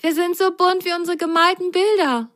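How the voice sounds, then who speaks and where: Rosenrot, a woman doing a squeaky girl sock. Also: unhurried. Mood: excited. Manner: high and eager. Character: excitable young girl sock, hesitant.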